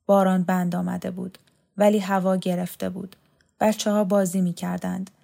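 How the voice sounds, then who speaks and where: A woman reading a literary story aloud in a calm, measured voice, giving the characters' lines a light touch of acting. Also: on the low side, gravelly. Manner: calm, measured reading with brief acted dialogue. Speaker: audiobook narrator. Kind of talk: scripted literary narration.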